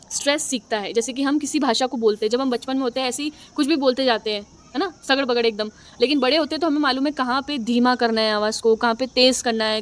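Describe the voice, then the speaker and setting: A woman's voice: high-pitched, fairly bright tone, slight background noise. A young woman teacher giving an exam-prep lecture, explaining patiently, repeating her points and often checking in with her listeners. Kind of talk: exam-prep lecture in Hindi mixed with English.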